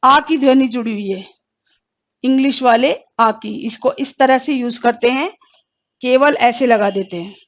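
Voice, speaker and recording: A woman teaching a Hindi exam-prep lesson, asking questions and then answering them herself, and sounding out each vowel slowly. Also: a little high, lo-fi sound. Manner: slow, careful pronunciation drills.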